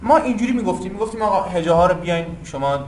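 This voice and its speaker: A man's voice: high-pitched, animated, slight background noise, low-quality recording. A man giving an informal lesson on poetic meter, explaining patiently and chanting the metrical feet in rhythm. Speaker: teacher of Persian poetic meter.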